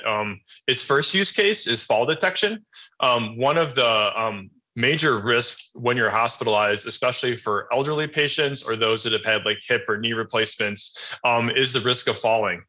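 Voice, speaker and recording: Bright-voiced man explaining with ums. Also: medium pitch. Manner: measured, frequent ums, explanatory. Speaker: healthcare technology guest. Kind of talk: conversational interview answers. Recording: dull lo-fi audio.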